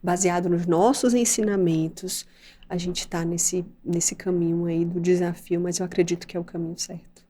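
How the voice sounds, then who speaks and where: A woman's voice: on the low side, steady tone, normal speed, warm tone. A middle-aged woman with a Brazilian accent, a doctor and mother hosting a podcast, who tells stories animatedly and acts out the scenes. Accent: Brazilian Portuguese. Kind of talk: casual podcast conversation.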